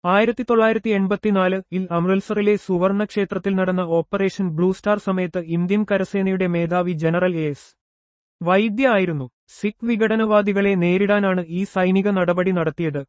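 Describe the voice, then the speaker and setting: A man reading exam prep questions, each followed by its answer and a short explanation, in a steady recited pattern. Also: sits high, moderate pace, dry recording. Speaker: exam coach.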